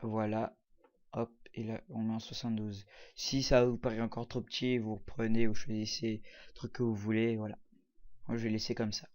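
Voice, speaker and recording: A man's voice: lowish voice, completely flat delivery, moderate pace, darkish tone. A man casually walking viewers through a video-editing program, talking while he clicks, with many hesitations and fillers. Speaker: tutorial presenter. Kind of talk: casual screen-recorded software tutorial.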